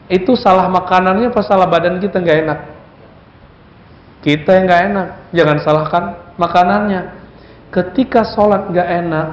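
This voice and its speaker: A man's voice: high voice, a little mellow. A male preacher giving a conversational religious lecture, often putting questions to his audience. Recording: echoey, dull lecture recording.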